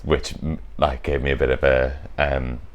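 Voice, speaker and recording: A man's voice: extremely low pitch, level tone, moderate pace. A man from Ireland with an Irish accent, a stage actor chatting casually in an interview with lots of ums. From Ireland, Westmeath.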